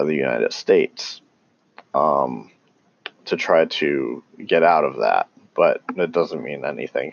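Casting: very low gravelly man, unhurried, halting, dull lo-fi recording. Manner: halting, many ums and restarts; calls himself tongue-tied. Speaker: religious commentator. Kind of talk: casual unscripted talk on scripture.

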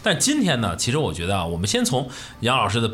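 A man's voice: mid-range voice, wildly swooping pitch, fast talker, a bit bright. A man hosting a casual radio interview in a chatty, teasing way. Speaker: radio show host.

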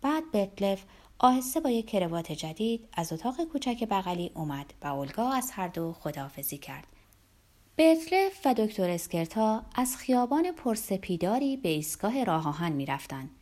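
A woman narrating a novel aloud in an even, measured storytelling manner. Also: mid-range voice. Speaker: audiobook narrator. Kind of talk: novel reading.

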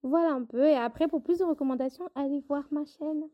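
A woman's voice: sits high, a little fast. A woman guest in a casual chat, chatty and hesitant with fillers, heard over a tinny remote line. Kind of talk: casual chat about TV dramas.

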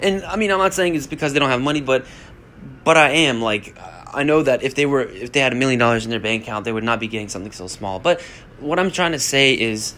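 This young American man hosts a podcast, delivering a casual motivational monologue that's blunt, rambling, and full of swearing. His mid-range voice comes out fast, pushed, and bright, with a slight hiss or hum in the recording.

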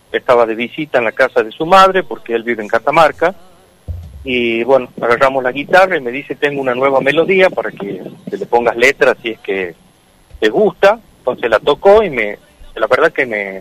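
A middle-aged man from Argentina with an Argentine Spanish accent, telling the story of his song in an animated way as a radio guest calling in by phone from outdoors. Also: mid-range voice, no echo, poor audio. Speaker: songwriter guest. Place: outdoors near a football pitch, windy.

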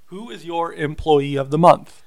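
A man co-hosting a podcast, talking through a TV episode in a measured, explanatory way. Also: on the high side, vocal fry. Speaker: podcast co-host. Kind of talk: casual recap chat.

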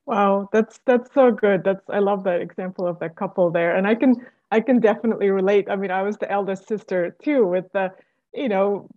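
A woman's voice: fairly low pitch, vocal fry, mellow. A woman in her forties from Estonia, talking reflectively in a casual conversation, full of fillers and restarts. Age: 40s. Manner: hesitant, many fillers and restarts. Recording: dull lo-fi sound.

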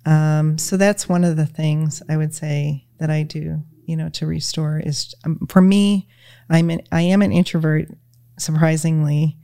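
A woman as a podcast guest, talking in a gentle, reflective way with many "you know"s. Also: sits low, fairly even intonation, a little slow, dry recording, studio quality. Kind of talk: casual conversation, retelling a children's story.

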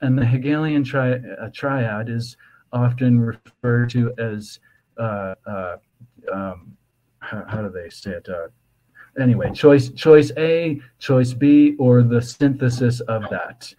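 Male podcast guest, mellow and dark in tone, slushy lisp on the s, halting philosophical explainer who wanders between thoughts. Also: mid-range voice, fairly even intonation, low-quality recording. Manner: halting, digressive, with repeated "you know".

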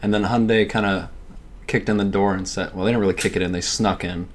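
A man with a somewhat low voice co-hosts a casual car podcast. He rambles from one tangent to the next, dropping the odd curse word along the way. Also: fairly even intonation, fast, a little hiss or hum. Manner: rambling, swears casually, jumps between topics. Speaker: podcast co-host. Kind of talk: casual chat.

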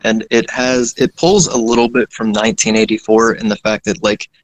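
Speaking at a normal pace with flat delivery, a young indie developer with a lowish voice rambles through a casual conversation. He's self-deprecating and leans heavily on fillers and side comments, heard through a low-quality recording.

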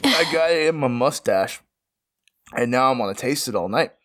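A man's voice: mid-range voice, expressive, moderate pace, a bit bright. A man in an improvised comedy scene, rambling and playing drunk.

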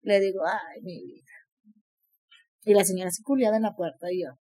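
A woman with a Mexican accent telling a story in casual chat, animated, full of crude slang and acted-out voices. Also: medium pitch, brisk, breathy edge. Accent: Mexican Spanish.

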